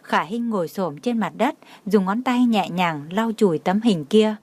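Woman narrator, audio novel, steady reading, dry close sound, mid pitch. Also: a little slow, no echo.

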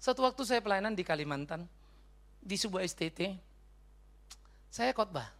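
A man's voice: high-pitched, normal speed. A middle-aged male pastor preaching a sermon, telling stories and acting out the voices in them, with English words mixed in. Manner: animated, acts out voices in anecdotes, mixes in English words. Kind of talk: sermon with storytelling.

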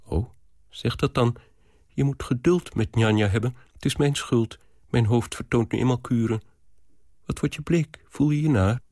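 A man reading aloud and voicing an old peasant nursemaid who dotes on her young charge, with quick, fretful chatter. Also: medium pitch, warm tone, no room sound, clean studio sound, lightly acted. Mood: doting, fussing.

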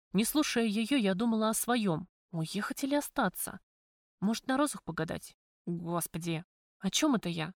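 A woman narrating a first-person novel as an audiobook, calm and measured. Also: medium pitch, no echo, studio quality.

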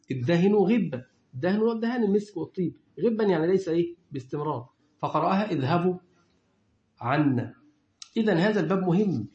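Egyptian man, religious teacher, high voice, fires quick questions at his class; dull, lo-fi recording. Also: darkish tone. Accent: Egyptian Arabic. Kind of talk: classroom lecture. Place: lecture room with students. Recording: echoey room, dull lo-fi sound.

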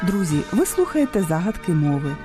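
A woman hosting a radio program about language, reading a scripted talk with a didactic tone and clear stress on each example word. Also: on the low side, a little fast, music in the background. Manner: didactic, lively emphasis on quoted words.

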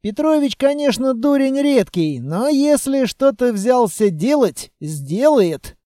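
A man voicing a wiry, bossy male scavenger who talks gruffly in rough slang, read for an audiobook. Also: very high-pitched, very animated, slow, dark tone, no echo, studio quality, pitched above the performer's own voice, full character voice. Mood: mocking. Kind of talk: audiobook character voice.

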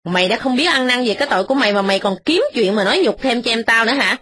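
A woman's voice: on the high side, racing, a bit bright, husky. A woman voicing a poor, proud older brother who lectures a rich young man in a reproachful tone. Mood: furious.

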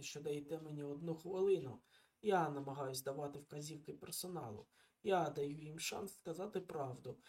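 A man's voice: a little high, darkish tone, husky. Older co-owner, male, spiteful, sneering, stubborn, read by a man. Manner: sneering, hissing.

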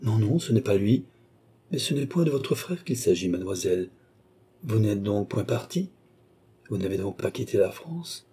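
A man's voice: lowish voice, very animated, moderate pace, warm tone, slightly rough, heavily acted. A man voicing a humble, lovesick young man in an audiobook, pleading and apologizing. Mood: stammering. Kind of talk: audiobook character voice.

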